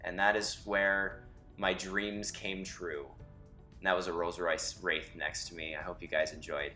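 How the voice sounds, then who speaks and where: A man's voice: sits low, little pitch movement, unhurried, bright, forceful tone, soft background music. A young man narrating a casual driving vlog from inside his car, chatty and wry, his voice a bit muffled from a camera mic set away from him. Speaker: vlogger. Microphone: camera mic from a distance, muffled.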